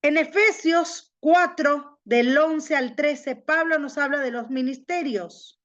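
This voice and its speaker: A woman's voice: high voice, slow, fairly bright tone. A woman prophet teaching a Bible training class in an emphatic preaching style, repeating key phrases for stress. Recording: dull lo-fi recording.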